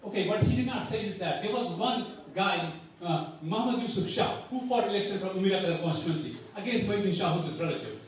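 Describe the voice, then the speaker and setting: A middle-aged man with a Kashmiri accent speaks from the floor in a high-pitched, insistent and confrontational way, circling back over his phrases. He is far from the microphone in a heavily reverberant hall. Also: animated, quick pace, hardly any pauses. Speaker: audience questioner. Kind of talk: impassioned challenge from the floor at a public talk. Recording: very echoey hall, distant mic, crowd noise.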